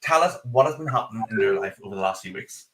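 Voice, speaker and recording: A man's voice: fairly low pitch, animated, quick pace, fairly bright tone. A man with a strong Northern Irish accent, hosting a live podcast in a casual, chatty style. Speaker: podcast host. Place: office. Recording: roomy echo on the voice.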